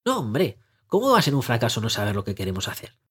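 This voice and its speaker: A life coach and podcast host delivers a casual monologue in a slightly husky, mid-range voice at a quick pace. His coaching is lively and conversational, and he keeps posing rhetorical questions to listeners.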